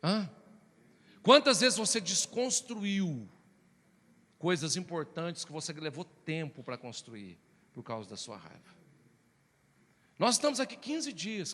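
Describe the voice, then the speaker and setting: In a reverberant hall, a male pastor with a voice on the high side preaches a sermon. He tells personal stories in a lively, animated way and calls out to the congregation as brothers.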